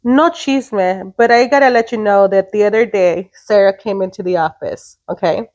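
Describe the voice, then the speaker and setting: A woman's voice: mid-range voice, moderate pace, darkish tone, dull audio. A woman in her late thirties co-hosting a casual chat podcast, blunt and profane, slipping Spanish words into her English. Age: 30s. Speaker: podcast co-host.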